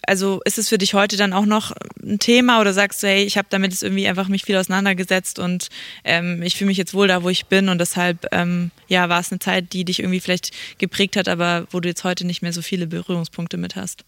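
A man's voice: high voice, completely flat delivery, fast, a bit bright, no room sound. A young man hosting a podcast, asking questions casually and encouraging his guest with short replies. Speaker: podcast host.

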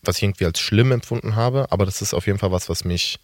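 A man's voice: on the low side, quick pace, no echo. A man in his thirties, a guest in a casual podcast conversation, talking candidly and rambling with self-mocking asides. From Germany.

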